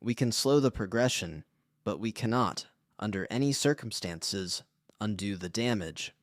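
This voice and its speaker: A man reading the part of a stern male lung doctor delivering a hard verdict in a firm, final tone. The voice sits low, and the sound is close and dry, with no room around it. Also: expressive, measured pace, no room sound. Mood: grave.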